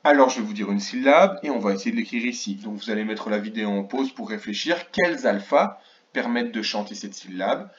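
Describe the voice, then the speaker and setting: A man's voice: fairly low pitch, animated, a little fast. A man teaching young children in a remote lesson, counting aloud and sounding out syllables carefully. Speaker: kindergarten teacher. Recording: dull lo-fi recording.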